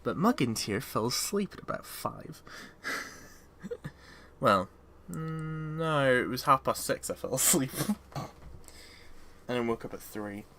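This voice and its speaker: A woman's voice: extremely low pitch, expressive, slow pace, pauses often, fairly bright tone, a little hiss or hum. A sleepy woman, chatting loosely and giggling often as she streams a game. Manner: giggly, rambling, often breaks into laughter. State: sleepy, yawning. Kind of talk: casual live-stream chat.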